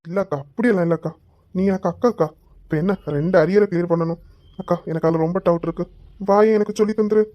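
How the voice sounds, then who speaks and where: A woman's voice: lowish voice, quick pace, no room sound, close to an everyday voice. Woman playing a cheeky whiny young man. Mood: pleading. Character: cheeky young man, cocky with his elder cousin. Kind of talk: comedy sketch acting. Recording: dull, dry lo-fi recording.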